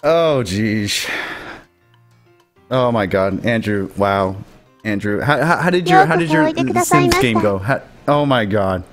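Young male streamer, stammering and giddy, swinging pitch, faint music under. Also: big pitch swings, slow. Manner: overexcited, stammering, laughing often. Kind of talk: excited live stream chat.

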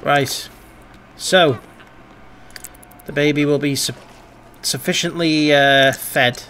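A man's voice: on the high side, steady tone, takes it slowly, fairly bright tone, a little hiss or hum. A man streaming a life-sim game, giving wry, chatty commentary and swearing casually.

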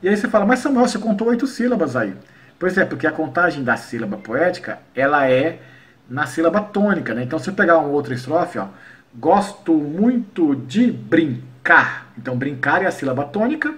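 A man from Paraíba, teaching educators about cordel poetry and reciting his verses slowly and rhythmically. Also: fairly high pitch, very animated, a bit bright. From Paraíba, Brazil. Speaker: cordel poet and workshop teacher. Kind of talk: online lesson for educators.

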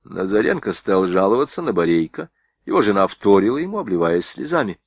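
A man reading a historical novel aloud as an audiobook narrator, expressive delivery. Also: lowish voice, a little fast, no echo, clean studio sound.

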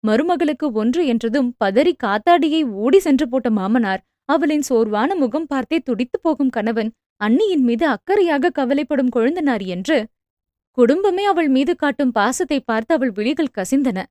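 A woman narrating an audio novel in a steady, expressive reading. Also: high voice, moderate pace, no echo, clean studio sound. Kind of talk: scripted storybook narration.

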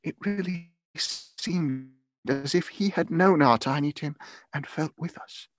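A man's voice: mid-range voice, animated, normal speed, slight background noise, pitched above the performer's own voice, lightly acted. A man playing a tender, grieving poor father. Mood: warmly earnest. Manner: earnest, emotional, gently rambling. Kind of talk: storybook character voice in audiobook.

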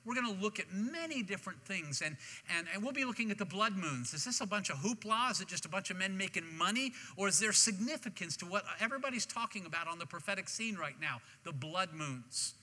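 A male pastor delivers a sermon in an animated, restarting manner. His voice sits high and rings very bright. A long hall reverb trails every phrase. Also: brisk, few pauses. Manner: animated preaching with repeated restarts. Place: church sanctuary.

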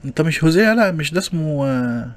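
Fast-talking Egyptian man narrating gameplay. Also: on the high side, lively intonation. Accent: Egyptian Arabic. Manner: joking, chatty, complaining to viewers. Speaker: gaming channel host. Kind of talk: gameplay commentary.

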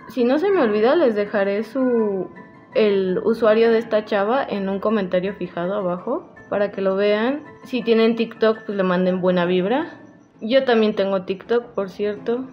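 A woman with a Mexican accent chatting casually and playfully to her viewers while doing her makeup, laughing often. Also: mid-range voice. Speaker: makeup vlogger. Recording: dull lo-fi with faint music.

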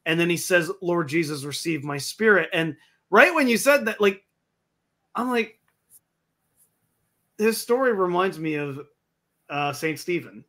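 A man's voice: high-pitched, animated, unhurried, long pauses, fairly bright tone. A man in a casual discussion, speaking eagerly and correcting himself as he goes. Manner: self-correcting, eager speech. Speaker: discussion participant. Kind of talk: casual chat.

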